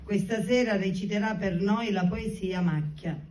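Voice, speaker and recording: A woman's voice: medium pitch, unhurried. A woman giving a formal live introduction as presenter of a poetry evening. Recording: echoey, distant, very noisy live recording.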